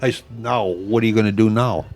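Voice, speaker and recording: A man's voice: on the low side, fairly even intonation, fairly quick. A man in his eighties, a gym owner, telling old stories in an interview. He rambles and keeps quoting what others said. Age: 80s. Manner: rambling, repeats "I says" while quoting others. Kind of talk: storytelling interview.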